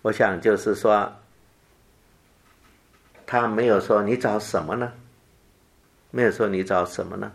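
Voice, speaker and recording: A man with a fairly low voice gives a Bible teaching sermon. He talks haltingly, with fillers and repeated phrases. When he reads the scripture quotes, he drops to a softer voice. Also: steady tone, creaky. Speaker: preacher.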